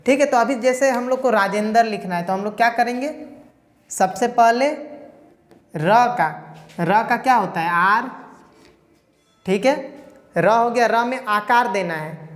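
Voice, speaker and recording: Woman teacher, somewhat high-pitched, patient step-by-step explainer; recorded with a long room echo. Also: a little slow, long pauses. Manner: explains step by step, asks and answers own questions; checks in with repeated "okay". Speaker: English teacher. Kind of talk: spelling lesson.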